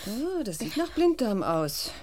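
A woman's voice: fairly high pitch, a little slow, slight background noise. An actress playing a kindly, puzzled woman doctor in a children's audio drama. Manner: lively and musing.

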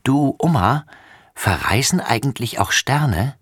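A man's voice: medium pitch, animated, takes it slowly, fairly bright tone, husky, no echo, clean studio sound, voice pushed up, full character voice. A man voicing a young girl, a bossy and impatient big sister, in a storybook reading. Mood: curious. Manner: impatient, scolding.

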